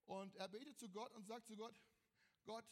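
Brief: high-pitched male youth preacher, casual sermon, animated storyteller with slangy exclamations, slightly strained voice. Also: a little fast.

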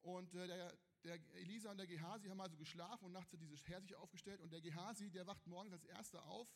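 A man preaching a casual youth sermon with lively storytelling and slangy exclamations, his voice a little strained. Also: high voice, fast talker.

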